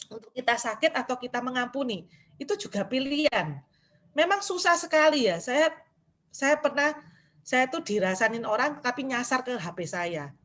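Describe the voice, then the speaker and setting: A woman's voice: fairly high pitch, fairly bright tone. A middle-aged woman, sharing a candid personal testimony at a church women's gathering in a conversational tone. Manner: candid, conversational, with frequent casual fillers. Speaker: church member giving testimony.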